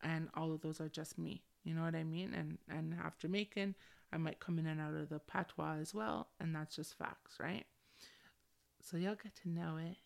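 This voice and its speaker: A low-pitched voice with vocal fry, fairly even intonation, and a moderate pace belongs to this middle-aged woman. She hosts a podcast by herself, speaking openly and casually in slang, with "like" popping up often in valley-girl fashion.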